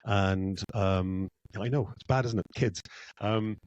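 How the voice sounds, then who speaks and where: A man's voice: lowish voice, takes it slowly, a little mellow, clear, resonant tone, no room sound, dull audio. A man from Scotland, a guest in a podcast interview, talking reflectively and repeating words as he thinks. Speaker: guest, culture consultant.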